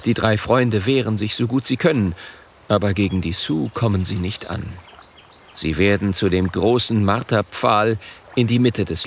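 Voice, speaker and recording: A man narrating a children's audiobook with expressive storytelling. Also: lowish voice, vocal fry, a little hiss or hum.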